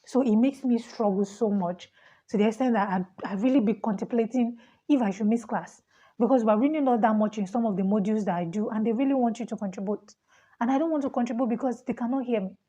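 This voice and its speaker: A young woman with a Nigerian accent, a fast talker who laughs often as she speaks casually to camera about being a student. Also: fairly high pitch, dark tone, highs cut off. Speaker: vlogger, international student.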